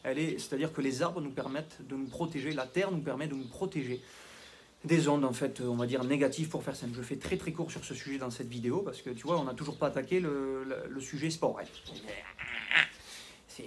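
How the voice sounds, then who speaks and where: A man's voice: mid-range voice, brisk, a bit bright, a little hiss or hum. A man with a southwestern French accent, a health coach talking to camera in a rambling, self-mocking, digressive way. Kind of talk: casual talking-head monologue.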